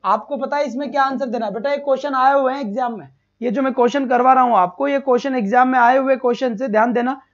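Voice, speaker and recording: A male teacher giving a live online exam-prep lesson, who repeats each answer, asks rhetorical questions and calls his students "beta". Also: very high voice. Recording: slightly dull lo-fi stream audio.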